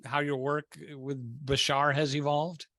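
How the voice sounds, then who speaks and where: A man's voice: fairly high pitch, flat delivery, unhurried, fairly bright tone, no room sound. A man hosting an interview, asking casual questions and steering the talk. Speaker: podcast host.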